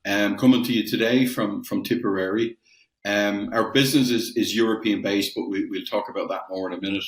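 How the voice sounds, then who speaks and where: A middle-aged man from Dublin, Ireland, founder of a metals company, answers interview questions conversationally from a roomy home, using lots of fillers and restarts. His fairly low voice has fairly even intonation and a fairly quick pace. The low-quality recording sounds echoey.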